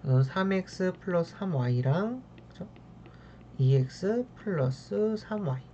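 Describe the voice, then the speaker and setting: A woman math teacher with a lowish, dark voice works through problems at a measured pace, sounding animated. After each step she checks in with a tag question, talks to the terms as though addressing them, and mutters tedious sighs as she goes. The recording is dull and lo-fi, with faint ambient noise.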